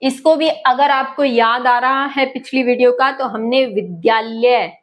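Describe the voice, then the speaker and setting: Woman teacher, high voice, patient and methodical, asks then answers her own questions. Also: measured pace. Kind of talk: classroom-style lesson explaining letters step by step.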